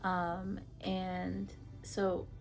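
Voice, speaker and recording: A woman's voice: lowish voice, monotone, very slow, soft background music. A woman from Ethiopia giving a casual tarot reading to camera, talking frankly in a chatty way with many fillers. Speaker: tarot reader.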